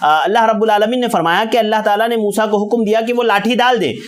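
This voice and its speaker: A man's voice: high-pitched, fairly even intonation. A man teaching a religious lesson, reciting verses and explaining them step by step with frequent fillers. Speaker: Islamic teacher.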